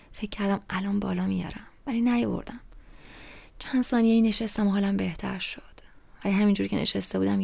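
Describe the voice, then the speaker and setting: Woman, audiobook narrator, very gravelly, mid pitch, soft half-whispered delivery. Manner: soft, often half-whispered, low-key storytelling. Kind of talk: first-person novel narration.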